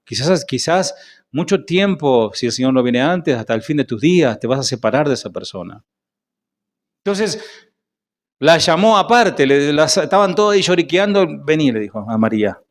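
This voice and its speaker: A male pastor with a Rioplatense Spanish accent preaching a sermon, rising to loud questions to the congregation and dropping to quiet asides. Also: on the high side, sing-song, moderate pace. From Argentina.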